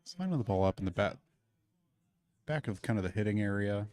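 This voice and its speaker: A man's voice: on the low side, expressive, a little fast, a little mellow, dry recording. A man giving golf colour commentary as a co-commentator, in short, analytical remarks.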